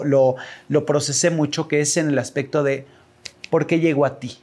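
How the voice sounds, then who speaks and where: A man's voice: on the high side, a little mellow. A man with a Mexican Spanish accent, hosting a casual interview and reflecting on his guest's story. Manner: reflective, encouraging listener. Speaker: host.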